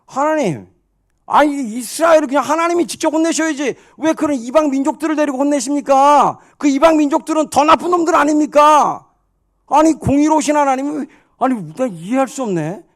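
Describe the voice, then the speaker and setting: A preacher putting on an agitated prophet who pleads and argues, his voice climbing high and loud. The protest carries strong, urgent force. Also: fairly quick. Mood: indignant. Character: agitated male prophet arguing with God.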